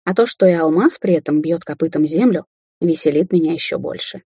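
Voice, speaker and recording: Woman voicing a scornful young witch daughter, husky, storybook read. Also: sits low, a little fast, mellow, no room sound, clean studio sound. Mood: mocking. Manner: sarcastic, taunting. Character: young adult woman sorceress, mocking daughter. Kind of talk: audiobook character voicing.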